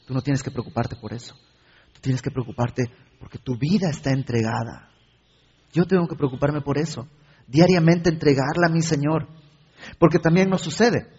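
A man's voice: fairly high pitch, moderate pace, darkish tone, slightly rough. A male preacher giving a sermon and asking the listener direct questions. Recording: dull recording in an echoey hall.

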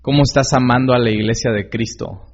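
A man's voice: mid-range voice, fairly even intonation, a little fast. A man preaching a sermon in an earnest, conversational way, often asking the listener direct questions. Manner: conversational, with many fillers and tag questions. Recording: slightly dull lo-fi recording.

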